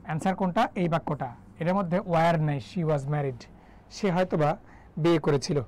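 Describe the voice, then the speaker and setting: A man's voice: fairly high pitch, normal speed, a little mellow, a little hiss or hum, poor audio. A young man from Bangladesh teaching English grammar in a live online class, chatty and joking as he quizzes students. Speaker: English tutor.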